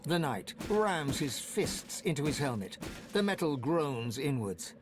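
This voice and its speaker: A man's voice: fairly high pitch, big pitch swings, unhurried. An actor voicing the male narrator of a fantasy video game, reading scripted narration. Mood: grim. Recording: game audio with clear background noise.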